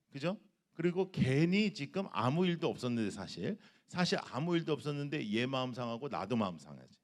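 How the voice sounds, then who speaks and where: A man preaching at a revival in an informal, joking storytelling manner. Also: a little high. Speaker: pastor. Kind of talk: revival sermon.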